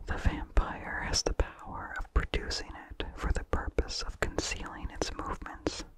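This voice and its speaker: Vintage horror fiction is read aloud in a slow, measured, deliberate breathy whisper, unvoiced in ASMR fashion. The narrator's tone is fairly bright.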